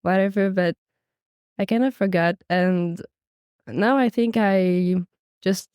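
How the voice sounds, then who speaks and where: A teenage exchange student from Belgium, talking in a relaxed way in a casual podcast interview. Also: female voice, medium pitch, takes it slowly, clean tone, no echo, clean studio sound. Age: teens.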